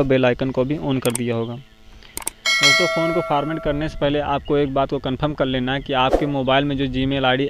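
A man hosting a phone tutorial, explaining each step steadily and checking in with "theek hai" as he goes. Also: medium pitch. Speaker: tech tutorial host. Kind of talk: screen-recorded phone tutorial. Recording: dull lo-fi voice-over with faint noise.

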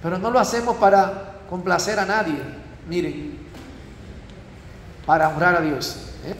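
A priest giving a parish talk, telling stories and checking in with the audience. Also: male voice, high-pitched, measured pace, a little hiss or hum. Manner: storytelling, asks audience with frequent tag "¿eh?". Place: church. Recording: echoey church hall.

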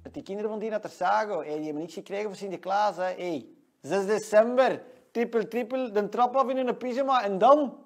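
Faint music plays behind a high-pitched male voice that's a little fast and darkish in tone. It belongs to an actor doing a comedy monologue as a brash 22-year-old salesman from Leuven, Flemish accent and all, who brags and speaks of himself in the third person. The bit is framed as his weekly rundown.

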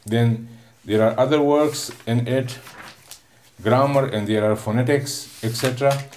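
A man's voice: medium pitch, steady tone, darkish tone, a little hiss or hum. Male English teacher for a recorded lesson: patient, repetitive, lots of "uh" fillers, stretches words to break them into syllables. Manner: patient, repetitive, explains word by word with many "uh" fillers; drawn-out syllable sounding when teaching pronunciation. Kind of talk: recorded online classroom lesson.

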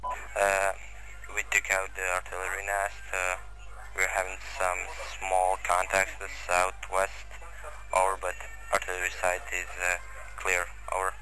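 Deep flat man over static radio. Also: a little slow, rough recording. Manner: terse, hesitant with "uh". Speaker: player on the radio net. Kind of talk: clipped radio procedure.

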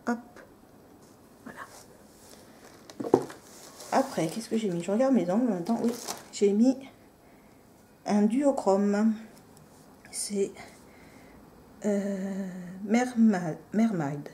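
A woman casually showing off nail polish on camera, soft-spoken and apologetic, often dropping into near-whispers. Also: mid-range voice, slow, pauses often, a little hiss or hum. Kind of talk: casual show-and-tell.

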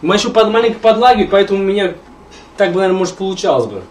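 Streaming a video game indoors in front of a TV, a man grumbles and offers exasperated, casual commentary. His voice is high, expressive and very fast. The mic is distant, and loud game music and sounds dominate the background.

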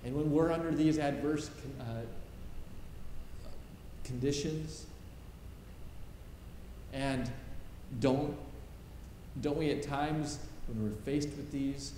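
A man's voice: fairly high pitch, takes it slowly, pauses often, warm tone. A middle-aged male pastor preaching a sermon from a pulpit, stressing short repeated phrases. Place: large church sanctuary, at a pulpit. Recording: roomy church reverb, faint hiss.

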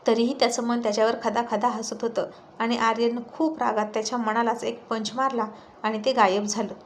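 A woman storyteller reading a serialized romance story aloud with expressive, steady narration. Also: fairly high pitch, brisk. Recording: echoey room, faint noise.

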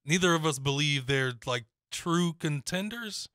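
An opinionated young man with a bright, pointed voice gives his football picks in casual studio chat. The mic is close and the room dry. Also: on the high side, expressive, dry recording. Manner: opinionated, quick laughs and restarts. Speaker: sports show co-host. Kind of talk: casual sports talk. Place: small studio with foam panels. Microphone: studio mic on boom, headphones.

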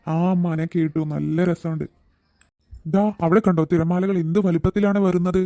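A performer voicing a young husband and son in a cartoon who answers quickly and defensively. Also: medium pitch, steady tone, dark tone, lightly acted. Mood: friendly. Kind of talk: cartoon voice acting.

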